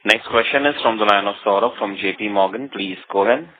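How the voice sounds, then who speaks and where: A man's voice: fairly low pitch, quick pace. A man moderating a conference call over the phone, giving brief formal announcements. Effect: over the phone line. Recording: thin phone line, distant.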